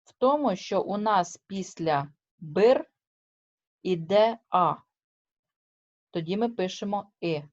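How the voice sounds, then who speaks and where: A woman's voice: mid-range voice, expressive, muffled recording. A woman teacher giving a remote lesson. She stresses and stretches her example words and keeps checking with her students through short questions. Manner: slow, careful, stresses and drawls example words.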